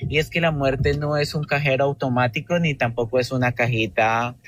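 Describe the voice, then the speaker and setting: A man's voice: medium pitch, fairly even intonation, normal speed, a bit bright, faint music behind. A man, calling a radio show on speakerphone and rambling earnestly about his devotion. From Antioquia, Colombia. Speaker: radio caller. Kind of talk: call-in storytelling. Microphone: phone on speaker.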